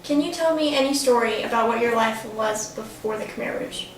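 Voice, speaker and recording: A woman's voice: fairly high pitch, moderate pace. A woman interviewer asking brief, polite questions. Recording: echoey room, from far off, music behind.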